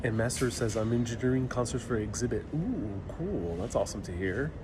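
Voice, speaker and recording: He talks briskly in an expressive, mid-range voice: a travel livestream host from New York City fielding viewer comments, which he reads aloud, in a casual live Q&A. His answers are light and joking, and the crowd around his phone stream can be heard chattering.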